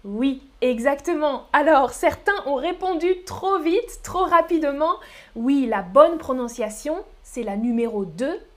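A woman from the Paris region teaching French pronunciation in a live online lesson, speaking with a Parisian accent and repeating each example slowly and carefully. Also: high-pitched, animated. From Paris region, France.

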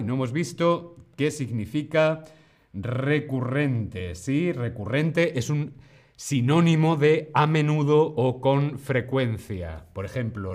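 Male tutor, steady mid pitch, very unhurried delivery, coaxing learners to repeat after him. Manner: slow, patient, repeats words for learners to echo; reassuring, addresses viewers by name. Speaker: Spanish pronunciation teacher. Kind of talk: live-streamed pronunciation lesson.

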